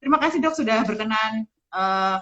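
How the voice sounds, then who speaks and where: A woman's voice: a little high, lively intonation, brisk, a bit bright, highs cut off. A woman hosting a live-stream interview in a chatty, polite way, speaking through a face mask that slightly muffles her. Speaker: host, doctor. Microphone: speaking through a face mask on a live video call.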